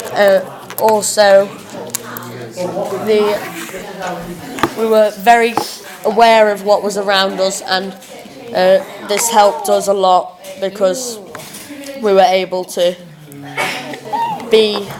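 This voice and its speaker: A young woman with a slightly chavvy working-class English accent, giving an informal, halting spoken self-review as a drama student. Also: mid-range voice. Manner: hesitant, halting, thinking aloud. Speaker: drama student recording a reflective blog.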